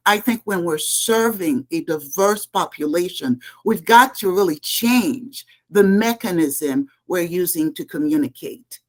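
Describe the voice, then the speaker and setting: A woman's voice: lowish voice, animated, measured pace, hardly any pauses. A middle-aged woman from Haiti, a political candidate giving emphatic answers in a panel interview and laying out her points one by one. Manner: earnest, emphatic, lists points.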